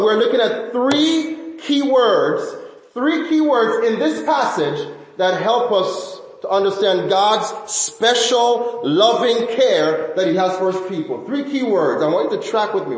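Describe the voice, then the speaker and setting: A man's voice: high-pitched, sing-song, moderate pace. A man preaching a sermon to his congregation in earnest, repeating key phrases, with many fillers and restarts. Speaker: pastor. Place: church sanctuary. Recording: echoey church hall.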